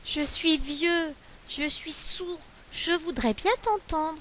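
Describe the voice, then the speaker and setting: Woman doing a crafty old fox: slow, coaxing, sweet-talking, children's storybook. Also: high voice, fairly bright tone, a little hiss or hum, voice pushed up. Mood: wheedling. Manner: slow, wheedling. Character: sly flattering old male fox.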